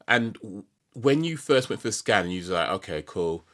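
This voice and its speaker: A man's voice: fairly low pitch, expressive, moderate pace, fairly bright tone. A British man hosting a conversational podcast interview, asking reflective questions in an informal way. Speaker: podcast host.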